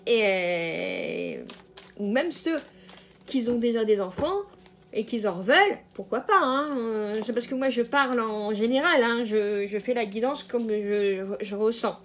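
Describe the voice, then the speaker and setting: A woman's voice: fairly high pitch, animated, a little slow. A woman giving a casual general tarot reading, hesitant, with many fillers and restarts and the odd laugh at her own jokes. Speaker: tarot card reader.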